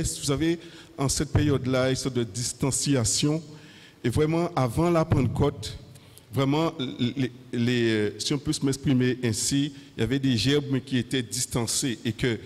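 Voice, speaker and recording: A middle-aged man preaching a church sermon in a halting way, repeating words and phrases, on a handheld microphone in a hall. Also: mid-range voice.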